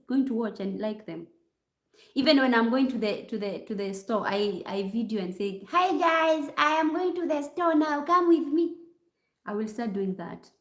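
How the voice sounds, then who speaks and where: A woman's voice: mid-range voice, creaky, darkish tone. Chatty Kenyan woman on a roomy livestream. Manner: chatty, mixing in Swahili phrases. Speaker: nurse. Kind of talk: livestream chat answering viewer comments. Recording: roomy echo.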